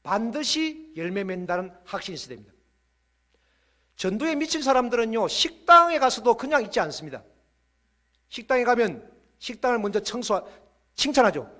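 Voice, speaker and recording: A man preaches to a church audience in an animated, playful lecture style. His voice sits high and swoops widely. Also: fairly quick, long pauses. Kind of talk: lively sermon-style lecture.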